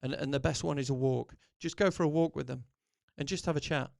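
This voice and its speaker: A middle-aged man speaks in an earnest, encouraging way, looping through his points with restarts as he gives a motivational talk. His voice sits a little high and has a gravelly edge. The sound is dry and close, with no room around it. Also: steady tone, brisk, darkish tone, dry recording. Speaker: podcast host.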